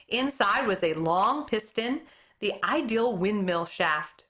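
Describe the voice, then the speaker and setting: A woman who teaches elementary school reads a children's book out loud with a mid-range voice and lively storytelling, tripping over tricky names and commenting on them as she goes.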